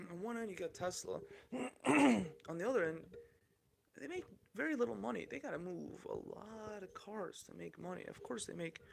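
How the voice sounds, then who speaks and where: A man's voice: sits high, expressive, moderate pace, creaky, background noise. A man in his thirties hosting a solo podcast, rambling candidly through the news and swearing casually. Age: 30s. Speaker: podcast host.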